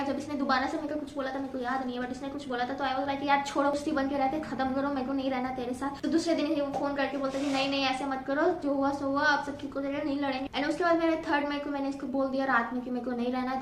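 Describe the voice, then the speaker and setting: Young woman vlogger, high voice, talks fast, echoey room with faint hiss. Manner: animated, mixing Hindi and English, mimics others. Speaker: storytime vlogger. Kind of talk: casual storytelling.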